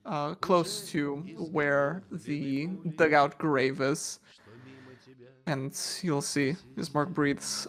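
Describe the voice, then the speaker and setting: A man's voice: on the high side, fairly bright tone. A man narrating as dungeon master in a tabletop game, describing scenes in a hesitant way with many fillers.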